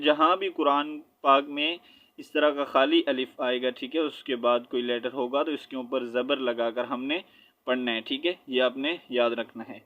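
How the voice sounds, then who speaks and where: A man with a Pakistani accent teaching Quran reading, spelling out letters and vowel marks slowly and asking checking questions as he goes. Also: medium pitch, muffled recording.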